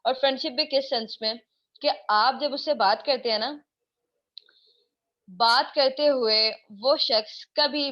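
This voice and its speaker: A Pakistani-accented woman lectures in a chatty way and keeps asking her students questions. Her voice sits a little high. The recording sounds dull and lo-fi. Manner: chatty, asks the class questions. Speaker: English teacher. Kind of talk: informal online class lecture.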